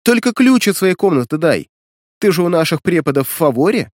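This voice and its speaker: A man's voice: fairly high pitch, very animated, fairly quick, no room sound, studio quality, voice pushed up. A man reading an audiobook voices a sarcastic, mocking young woman student who scolds and teases the hero. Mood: scolding.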